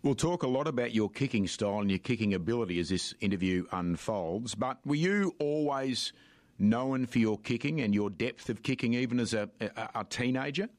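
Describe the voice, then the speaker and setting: A man hosting an interview, reading out facts in a measured way before asking his questions. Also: mid-range voice, animated, no room sound. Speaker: interview host.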